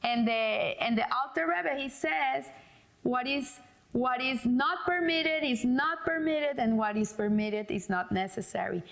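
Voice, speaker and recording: Woman, high voice, middle-aged, casual religious teaching, halting delivery with fillers. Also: gravelly, a bit bright. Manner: hesitant, many fillers and restarts, tells jokes. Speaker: Torah teacher.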